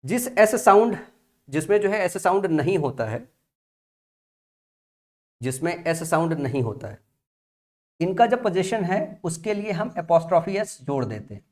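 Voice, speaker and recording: A man's voice: high-pitched, very animated, a little slow, long pauses, darkish tone. A man teaching English grammar in a classroom-style lesson, repeating key points and asking and answering his own questions.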